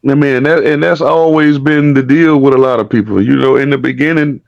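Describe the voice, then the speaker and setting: A man's voice: mid-range voice, fairly even intonation, fairly quick, gravelly, no room sound, highs cut off. A man in casual online talk, blunt and profane, who often repeats words and restarts his sentences. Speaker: online talk show guest. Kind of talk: casual chat.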